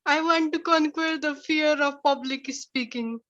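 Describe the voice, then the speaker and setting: A woman's voice: sits high, measured pace, a bit bright. A woman from Nepal taking part in an online workshop, answering hesitantly and briefly. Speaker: workshop participant. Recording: dull audio.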